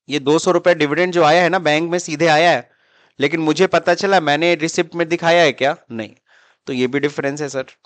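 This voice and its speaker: A male accounting teacher from India lecturing in Hindi sprinkled with English terms, checking in with his students through constant little questions. His voice sits a bit high, and the recording is close and dry with no room echo. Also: a bit bright. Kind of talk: classroom lecture.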